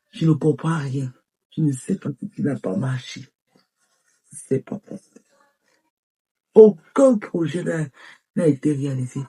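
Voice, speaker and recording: A woman's voice: sits low, warm tone, husky, far from the mic. An actress playing an exasperated woman lamenting that none of her plans for the year came true, with emotional, exclamatory outbursts. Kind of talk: comic-dramatic film acting.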